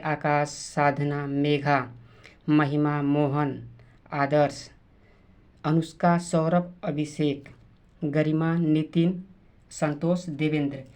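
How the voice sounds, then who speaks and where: A woman teacher, explaining spelling slowly, repeating words and sounding out letters. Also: deep voice, darkish tone. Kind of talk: slow classroom explanation.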